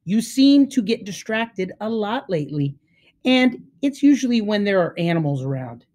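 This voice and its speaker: A woman's voice: medium pitch, very animated, normal speed, mellow, voice pushed up, close to an everyday voice. Woman reading as a frustrated schoolboy. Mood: exasperated. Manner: frustrated, sighing. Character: exasperated schoolboy, gloomy friend.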